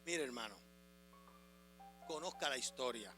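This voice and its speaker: A man preaching a sermon as a pastor, swinging between loud proclamation and quiet asides, asking the congregation questions. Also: medium pitch, lively intonation, measured pace. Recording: music and mains hum behind.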